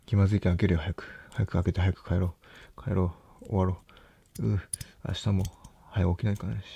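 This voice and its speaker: A young man, quietly mumbling to himself at home late at night, nervous and hesitant. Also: sits low, little pitch movement, fairly quick, creaky, breathy edge, no room sound. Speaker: vlogger.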